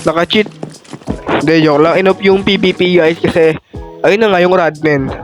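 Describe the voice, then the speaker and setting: A man's voice: sits high, fairly even intonation, normal speed. A young man with a stuffy nose and sore throat from a cold, giving chatty, casual gameplay commentary and calling out to his viewers. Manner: chatty, keeps addressing viewers as "men" and "guys". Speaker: gaming YouTuber. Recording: background music under the voice.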